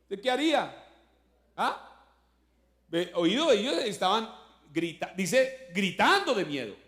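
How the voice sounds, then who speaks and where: A man's voice: high-pitched, sing-song, slow pace, fairly bright tone, echoey room. A male pastor, preaching a sermon in a conversational way, full of rhetorical questions, and rising in force when he quotes scripture. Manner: voice swells when quoting scripture.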